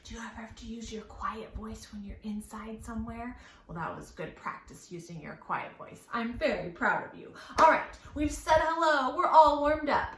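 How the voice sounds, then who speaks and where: A woman runs a children's storytime lesson with songs and questions, talking or singing in a playful, encouraging way and enunciating carefully and exaggeratedly for little ones. Her fairly high voice is expressive and moderately paced, the sound roomy with a noisy background.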